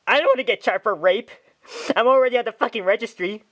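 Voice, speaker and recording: A man's voice: very high-pitched, fast talker, highs cut off, voice pushed up. A man voicing a whiny, creepy male plush rabbit in a comedy puppet skit, complaining.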